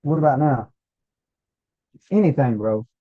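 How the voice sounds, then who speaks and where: A man's voice: medium pitch, a little slow, dry recording. A man in casual chat whose voice comes out muffled, as if heard through a wall, while he adjusts his microphone. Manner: fiddling with his mic setup, relaxed slang. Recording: muffled lo-fi mic heard from afar.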